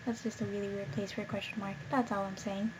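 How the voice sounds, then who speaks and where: A woman's voice: mid-range voice, flat delivery, fast, background noise. A tired woman who reads a romance visual novel aloud and breaks off into giggly, self-mocking commentary. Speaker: let's play host. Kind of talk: casual let's play commentary and reading aloud.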